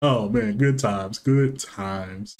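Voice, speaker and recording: A man's voice: mid-range voice, takes it slowly, a little mellow. A man in his thirties giving casual, slangy, teasing commentary as host of a gaming reaction show. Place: small room at home. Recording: noisy home recording with clicks.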